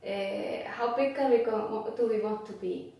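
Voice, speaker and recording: Recorded by a distant camera mic in a small, echoey office decorated with posters and plants, a former board member from Iceland in her forties gives casual interview answers in English. Her medium-pitched voice is gravelly and dark, and she speaks unhurriedly with non-native phrasing, many filler pauses and hesitations.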